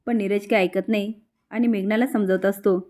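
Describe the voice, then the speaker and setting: A woman narrator retells a television soap episode in a steady, even storytelling flow. Her voice sits at an ordinary middle pitch for a woman. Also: moderate pace.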